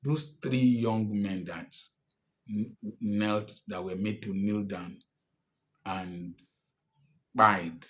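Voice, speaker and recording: A Nigerian-accented commentator in his sixties gives a defiant, emphatic political address that rises to angry outbursts. His lowish, slightly bright voice keeps a fairly even intonation, with drawn-out words and frequent pauses.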